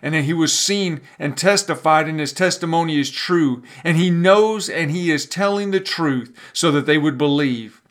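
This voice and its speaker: A pastor delivers a sermon in a slightly high, somewhat bright voice. He builds emphasis through dramatic pauses and at times repeats words while pressing his point.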